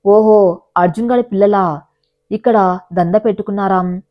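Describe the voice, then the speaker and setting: A woman's voice: mid-range voice, normal speed, lo-fi sound, natural voice. Woman reading as a sneering gangster father. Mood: sneering menace. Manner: mocking and threatening. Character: cruel sneering middle-aged male gangster father.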